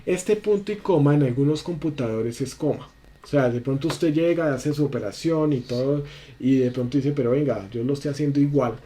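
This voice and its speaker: A man's voice: medium pitch, brisk, warm tone, a little hiss or hum. A man instructing a class through a spreadsheet lesson on screen, talking through each step with many fillers and restarts. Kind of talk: screen-share software lesson.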